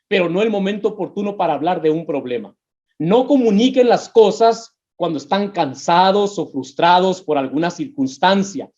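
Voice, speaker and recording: A man's voice: sits high, dark tone. A male pastor preaching a sermon on relationships, with emphatic rises and drops, addressing the listeners as brothers. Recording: dull muffled sound.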